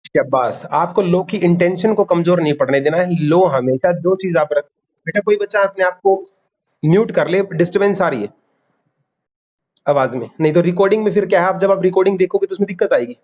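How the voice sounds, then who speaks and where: A male teacher giving an online class lecture, calling students "beta", drilling key terms and quizzing them for quick answers. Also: high voice, a little mellow.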